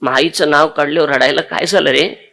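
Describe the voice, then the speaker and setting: A man voicing a kindly rural bus conductor who gently coaxes a crying boy with questions, inside a sermon. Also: a little high, steady tone, moderate pace, gravelly. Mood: coaxing.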